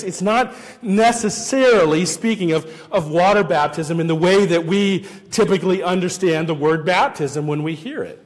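A man pastor giving a teaching sermon, explaining patiently and often repeating words as he restarts. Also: on the high side. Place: church sanctuary. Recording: long church hall reverb.

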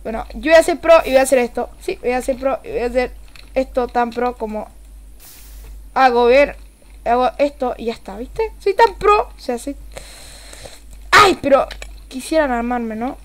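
A young streamer from Argentina gives live gameplay commentary in Argentine Spanish at a moderate pace, leaving long pauses. Excitable and loose with her swearing, she moves from low mutters to bursts of yelling.

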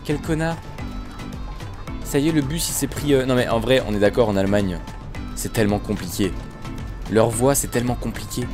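A man giving casual, joking commentary while playing a bus driving game, with his voice jumping up in pitch when excited. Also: moderate pace, long pauses, music in the background. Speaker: gaming video creator.

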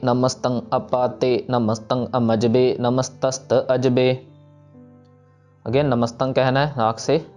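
A man's voice: medium pitch, a little mellow, highs cut off. Man patiently teaching verse recitation. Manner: patient, repeats verses slowly syllable by syllable. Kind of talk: step-by-step pronunciation lesson, slow chanted examples.

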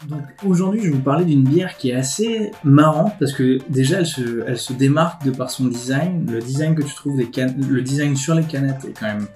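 His mid-range, darkish voice moves fairly quickly with few pauses. The video host and animator chats casually to camera, explaining things from a living room with a desk as guitar music plays behind him.

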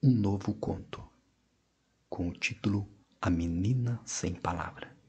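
A man narrating an audiobook of short stories in a measured, expressive reading with hushed passages. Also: low-pitched, breathy edge. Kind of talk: scripted narration.

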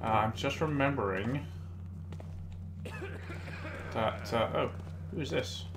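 A man's voice: medium pitch, normal speed. A man giving casual, hesitant gameplay commentary as a let's play host, thinking aloud. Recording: voice over loud game ambience noise.

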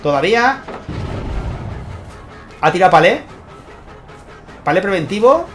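A man with a Spain Spanish accent, hosting his channel and commentating a tournament match, excitable and constantly checking in with his viewers. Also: high voice, a little slow, soft background music. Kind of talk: gameplay commentary.

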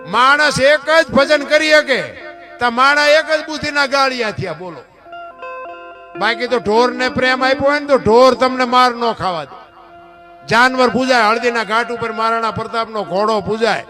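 High-voiced man over guitar. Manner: rhetorical questions, addresses listeners as bapu. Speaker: folk literary speaker. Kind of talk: Gujarati dayro folk talk. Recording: guitar music playing behind.

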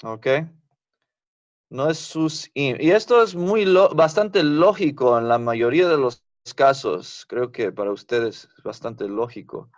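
A man's voice: mid-range voice, no room sound, muffled recording. A man teaching a Biblical Hebrew grammar class online, explaining patiently and checking with students as he goes. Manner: patient, explains slowly, asks the class for confirmation.

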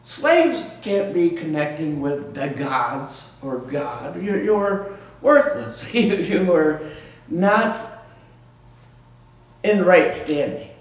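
A middle-aged pastor with a rather high, sing-song voice preaches extremely slowly and emphatically in a small church, often repeating words and restarting. A far room camera captures him, making the church room sound echoey and far off.

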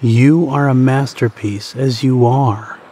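A man guides a meditation, speaking in a soothing, deliberate way with pauses between short phrases. His mid-range voice is warm and husky, and his intonation stays fairly even.

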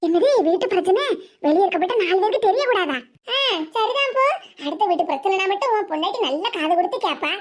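A blunt cartoon wife, voiced by a performer, fires sarcastic accusations in a Tirunelveli Tamil accent. The voice is very high and lively in pitch. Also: fast. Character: blunt sharp-tongued middle-aged wife.

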